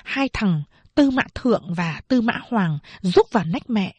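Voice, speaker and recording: A woman narrating a novel in slow, measured storytelling. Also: medium pitch, lively intonation, a little mellow, breathy edge, no room sound. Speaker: audiobook narrator.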